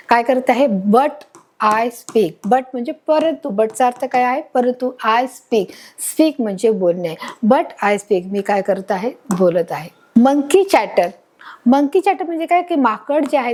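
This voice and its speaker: A woman's voice: a little high, darkish tone. A woman teacher with a Marathi accent explaining an English lesson to children, asking and answering her own questions.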